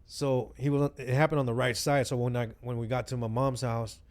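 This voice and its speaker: A man's voice: medium pitch, little pitch movement, a little fast. A man guest on a chat show, telling stories in a laid-back, slang-heavy way and laughing along. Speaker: guest rapper. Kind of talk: casual storytelling chat.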